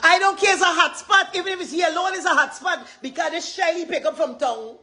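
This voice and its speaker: A woman's voice: extremely high pitch, fast talker, pushed and bright. A woman with a Guyanese accent gives an impassioned, rambling live address as a community advocate, repeating her points with emphasis.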